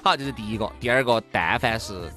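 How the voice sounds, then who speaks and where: A man's voice: lowish voice, quick pace, faint music behind. A man with a Sichuanese accent co-hosting a talk show in casual, comic banter, animatedly acting out his points. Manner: animated, acts out imagined worries and quotes.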